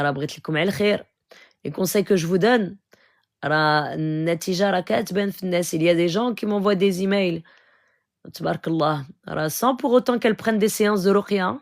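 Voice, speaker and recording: Low, gravelly woman exhorting. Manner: earnest and exhorting, with slow, deliberate recitation. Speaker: spiritual healer. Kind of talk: live-stream religious advice and invocation.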